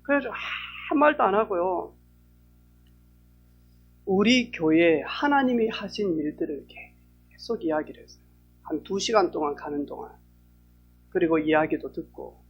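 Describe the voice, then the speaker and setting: A male pastor, telling a story in a sermon in an animated way, full of vivid sound words. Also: high voice, normal speed, long pauses, breathy edge, lo-fi sound.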